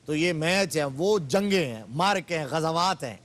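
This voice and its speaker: A man's voice: on the high side, expressive, fairly bright tone. A man, a religious scholar guest on a TV studio program, retelling history with fervor and rising emphatic stresses. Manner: fervent, building to emphatic exclamations. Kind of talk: religious TV discussion, storytelling.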